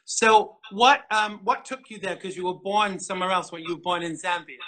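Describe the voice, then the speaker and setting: A man hosting an interview show, rambling and self-deprecating with many halting fillers. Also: high voice, a crowd in the background, low-quality recording. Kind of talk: casual interview chat.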